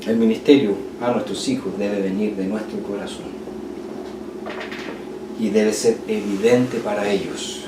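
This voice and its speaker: A man with a Chilean Spanish accent preaching a sermon as pastor, swinging from loud passionate peaks to hushed, quiet lines. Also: medium pitch. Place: church hall. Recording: echoey church hall, distant mic, noisy.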